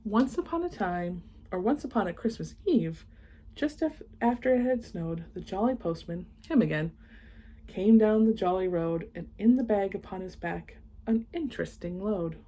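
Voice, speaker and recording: Reading a picture book for kids, this woman gives the story lively expression and breaks off for eager, casual asides. She speaks at a normal speed in a mid-range voice, with a little hiss or hum on the recording.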